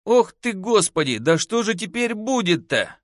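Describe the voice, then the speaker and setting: A man's voice: sits high, sing-song, moderate pace, a bit bright, dry recording, clean studio sound, voice pushed up, heavily acted. A man voicing a timid, whiny young male sidekick who frets and complains. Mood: whining. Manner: whining, fretful.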